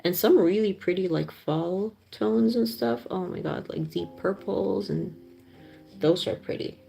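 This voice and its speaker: A bubbly woman in her thirties chats casually as she paints on a live stream, gushing over colors. Her voice is mellow with a gravelly edge. Soft music plays faintly behind her. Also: fairly low pitch, a little slow. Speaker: art streamer. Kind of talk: casual chat while painting.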